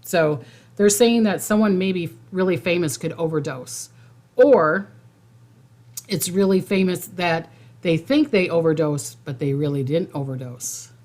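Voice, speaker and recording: A woman speaks in a slightly low-pitched voice, chatting to her viewers as the host of a casual livestream. Her delivery is informal and rambling, and she repeats phrases to drive them home. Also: unhurried, darkish tone. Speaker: psychic host giving monthly predictions.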